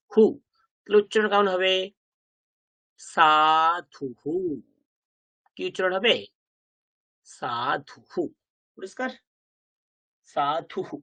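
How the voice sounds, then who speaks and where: A man teaching a Sanskrit class. He asks the learners questions, then says each pronunciation slowly and repeats it several times. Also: sits high. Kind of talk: language class lesson.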